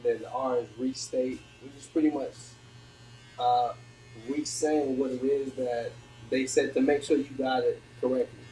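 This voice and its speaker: Spokojnie tłumaczący mężczyzna w pogłosie. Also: male voice, mid-range voice, moderate pace, soft background music. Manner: calm, explanatory. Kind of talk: casual group chat. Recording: echoey room, mic at a distance, faint noise.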